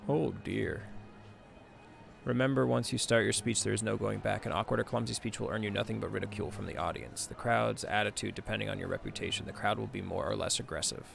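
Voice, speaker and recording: A gravelly, lowish-voiced man talks fast while hosting a gaming video over game music. He reads the on-screen text aloud and mutters casual comments to himself.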